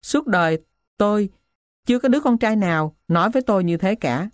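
A proud, offended young woman from a storybook, as a woman reader voices her. She sounds cold and indignant, pitched a little higher than the narration. The recording is dry and close. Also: lively intonation, a little fast, dry recording, close to an everyday voice.

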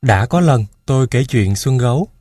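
Brief: male audiobook narrator, mid pitch, measured first-person reading, dry close-mic sound. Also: animated, dark tone, husky, no room sound.

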